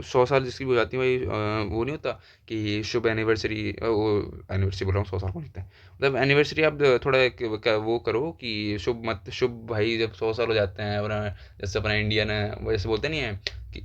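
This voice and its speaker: Young male tutor, low voice, dull lo-fi recording, repeats words, thinks aloud. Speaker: exam coaching teacher. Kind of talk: casual exam-prep lesson. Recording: dull lo-fi sound.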